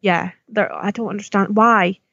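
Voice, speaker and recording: A woman's voice: mid-range voice, steady tone, moderate pace, vocal fry, fairly bright tone, breathy edge, muffled recording. A British woman in casual podcast chat, informal, teasing and self-deprecating.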